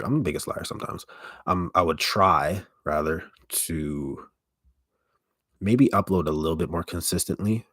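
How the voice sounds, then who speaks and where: Hosting his live stream, a male ASMR streamer chats in a loose, rambling way, stopping and cutting into his own sentences with some mild swearing. His voice is extremely low and deep, gravelly and husky, full of vocal fry, and comes across a bit bright in a dry, close-miked recording.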